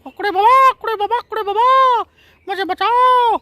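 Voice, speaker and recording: A tiny cartoon creature squealing for rescue. The voice is far above the performer's usual range, squeaky and quick, with a dry close sound. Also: male voice, sharp tone, no room sound, full character voice. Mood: panicked. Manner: squeaky, repeats calls rapidly.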